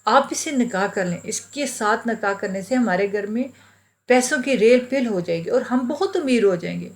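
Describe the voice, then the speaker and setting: A secretive young wife pleads urgently in a storybook reading, as the narrator puts her on. The voice is close to the reader's own and a bit louder. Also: on the high side, animated, normal speed.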